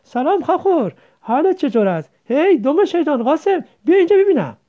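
A narrator voicing a rough, excitable young working man who calls out loudly and teases, in a dull lo-fi recording. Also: sits high, voice pushed up. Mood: cheerful. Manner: loud teasing calls, quick scolding.

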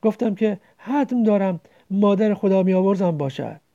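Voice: mid-range voice, animated, warm tone, lightly acted. A reader voicing a sick, poor village man near death, weary and short of breath, in a slightly dull lo-fi recording.

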